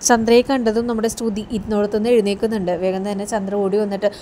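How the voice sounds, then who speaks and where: Woman host recapping a serial episode, brisk delivery, mellow tone, chatty asides to listeners, faint background hiss. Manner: animated, raises her pitch when quoting characters; conversational fillers, asks listener "you hear?". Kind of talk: casual storytelling recap.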